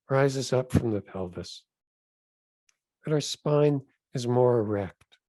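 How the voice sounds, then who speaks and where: A man with a mid-range voice leads a guided meditation as a rabbi. He phrases each instruction gently and deliberately, pausing between short phrases, and there's no echo.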